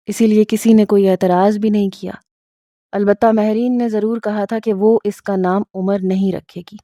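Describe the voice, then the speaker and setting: A woman narrating a romantic story in the first person, steady and scripted. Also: mid-range voice, no room sound, clean studio sound.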